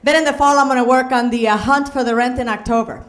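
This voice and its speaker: A woman's voice: fairly high pitch, fairly even intonation, quick pace, slight background noise. A middle-aged woman from Puerto Rico with a Puerto Rican accent performing a stand-up comedy set, with punchy delivery and Spanish asides. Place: comedy club stage.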